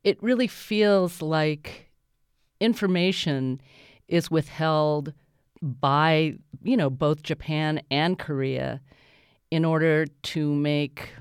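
Woman, stage actor guest, earnest, animated, crisp resonant voice. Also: deep voice, no echo, studio quality. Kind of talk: interview talk.

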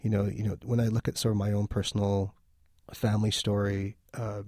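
A man's voice: fairly low pitch, flat delivery, brisk, darkish tone, dry recording, clean studio sound. A man from Lebanon, a film festival organizer, talking thoughtfully in a radio interview with frequent restarts.

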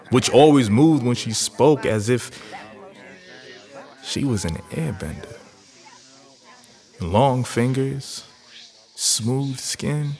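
Over loud music, a man with a mid-range voice performs a radio theater monologue as a young man wary of falling in love, using an intimate, reflective spoken-word style.

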